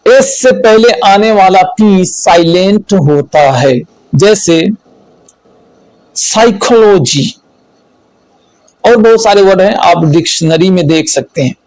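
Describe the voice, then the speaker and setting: A man teaching English spelling rules, slow and deliberate, repeating each rule and listing examples. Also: high voice, lively intonation, darkish tone, no room sound, poor audio. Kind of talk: spelling lesson explained in Hindi.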